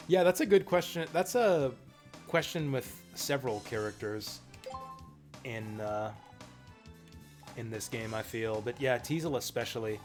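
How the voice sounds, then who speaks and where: Male streamer, medium pitch, casual game commentary, enthusiastic rambling, music behind. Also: measured pace, pauses often, a little mellow. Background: video game music and dialogue.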